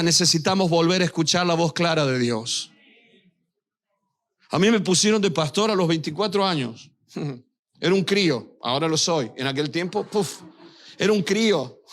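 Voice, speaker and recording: A man's voice: a little high, fairly bright tone. A male pastor preaching a sermon, speaking directly to his church and weaving in personal anecdotes.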